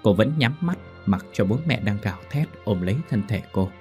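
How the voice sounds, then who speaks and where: A man narrating a scripted horror story in a steady reading voice. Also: lowish voice, fairly quick. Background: faint background music.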